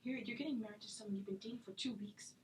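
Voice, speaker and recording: A woman's voice: a little high, slight background noise, lightly acted. A woman acting a self-taped drama scene as a hurt, indignant friend, intense and accusatory in her delivery. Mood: firm. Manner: accusatory, intense, rapid-fire.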